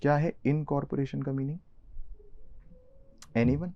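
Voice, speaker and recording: A man's voice: mid-range voice, steady tone, measured pace, no echo. A young man with an Indian accent, teaching a live online lecture in a chatty way, talking straight to his students. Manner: chatty, addresses students directly, mixes English terms. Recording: slightly dull, lo-fi.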